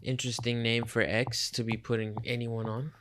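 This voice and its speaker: A man's voice: mid-range voice, little pitch movement, noisy background. Young dude on a podcast, easygoing and teasing, restarts his sentences a lot. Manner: easygoing, teasing, quick to laugh, trailing restarts. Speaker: podcast co-host. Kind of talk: casual chat about music.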